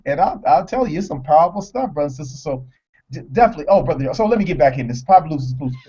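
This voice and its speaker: A man co-hosting a live broadcast, talking in an excitable, rambling way and stumbling over words. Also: a little high, very fast, muffled recording. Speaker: co-host.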